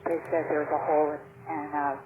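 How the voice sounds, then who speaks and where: A woman airline captain speaking over a cockpit headset radio to air traffic control, calm and steady in clipped radio phrasing. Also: deep voice, fast. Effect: pilot's cockpit headset radio transmission. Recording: tinny noisy cockpit radio recording.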